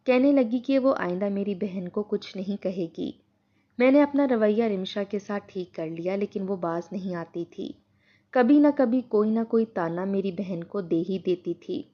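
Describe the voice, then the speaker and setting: A woman narrating a first-person moral story in a steady, earnest storytelling tone. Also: medium pitch, highs cut off.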